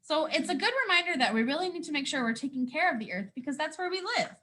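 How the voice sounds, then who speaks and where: A first grade teacher with a North American accent talks fast in a high, bright, forceful voice with lively intonation. She reads a picture book aloud to young children with lots of expression and stops for simple explanations.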